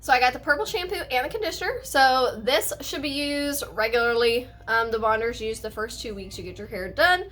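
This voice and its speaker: Hyped, bright high-voiced woman vlogger. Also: brisk, hardly any pauses. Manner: playful, sassy, rambling. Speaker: host of a personal video channel. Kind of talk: casual chatty haul and giveaway vlog. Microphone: on camera with ring light.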